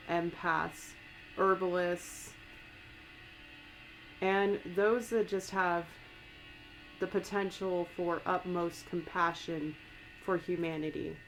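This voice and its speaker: Slightly raspy from a cold, an American woman with a lowish voice gives a soft, wandering, ASMR-style tarot reading in a conversational tone. She's a tarot reader and astrologer, and the recording quality is poor.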